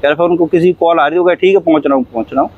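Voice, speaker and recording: Rambling cab driver man, slightly high voice. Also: fairly even intonation, very fast, phone-quality sound, slight background noise. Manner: rambling, repeats phrases, acts out quoted dialogue; coughs often while talking. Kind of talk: casual storytelling interview.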